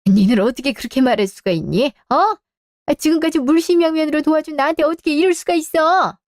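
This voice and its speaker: Woman doing an aging mother, sighing, plaintive, higher voice, dry close sound, radio drama. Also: fast, no room sound, close to an everyday voice. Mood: indignant. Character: hurt, aging mother and grandmother. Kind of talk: Korean radio drama acting.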